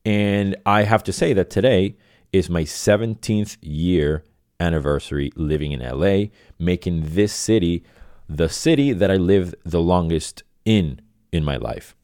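A middle-aged man from Venezuela runs his own podcast, talking a little slowly in a low, darkish voice. His solo monologue is loose and rambling, full of self-corrections and repeated phrases. The sound is clean studio audio without any echo.

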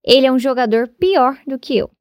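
A woman giving a scripted English grammar lesson, speaking slowly and carefully and spelling words out letter by letter. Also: high-pitched, animated, darkish tone. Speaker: English teacher.

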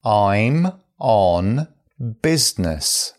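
A man reading phrases for learners, each one slowly and then again at normal speed. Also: on the low side, sing-song. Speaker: phrase teacher.

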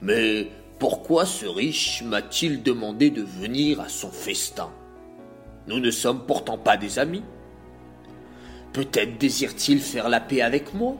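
A man's voice: lively intonation, measured pace, soft background music, close to an everyday voice. A man voicing a humiliated guest who begs to stay in a trembling voice. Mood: wondering. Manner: pleading, trembling low voice. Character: humiliated adult man, pleading then vengeful.

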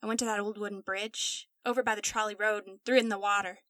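A woman's voice: mid-range voice, fairly even intonation, quick pace, bright, forceful tone, no room sound, natural voice. A woman voicing a distraught young man who speaks in a subdued, matter-of-fact way in a storybook reading. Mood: flat.

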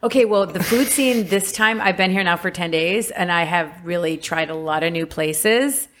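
Woman guest chatting away on a podcast, excited, lots of likes, talks it all up. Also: fairly low pitch, moderate pace, a little hiss or hum. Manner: enthusiastic, chatty, many "like" fillers. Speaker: guest, communications specialist. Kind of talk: casual interview chat. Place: indoor podcast recording in Dubai.

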